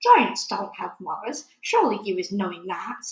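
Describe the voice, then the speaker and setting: A woman voicing a very old, good-hearted male giant from a children's storybook, excitable and easily wounded, talking in muddled grammar and made-up words. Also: medium pitch, moderate pace. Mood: indignant. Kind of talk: children's storybook read aloud. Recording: echoey room.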